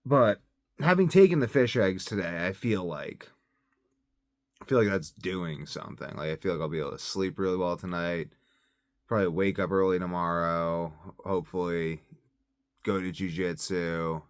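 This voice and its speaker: Recorded on a phone set up close by, a parent who vlogs about self-experiments in health rambles casually in his video diary, repeating phrases for emphasis. His voice sits low at a moderate pace, and the recording is dry, with studio quality.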